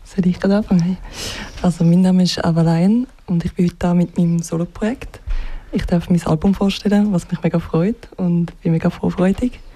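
Dark-voiced woman, studio guest. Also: lowish voice, steady tone, fairly quick. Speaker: guest musician. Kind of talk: radio interview. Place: radio studio.

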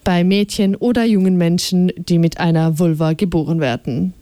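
A woman's voice: fairly low pitch, fairly even intonation, normal speed, warm tone, no room sound, natural voice. A woman reading aloud and voicing a big, friendly male pediatrician who explains things in a soothing way. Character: big, calm, kindly male children's doctor.

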